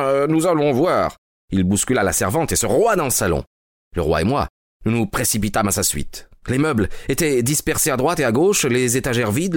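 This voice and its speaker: A man giving expressive scripted narration of a story. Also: mid-range voice, dry recording, studio quality.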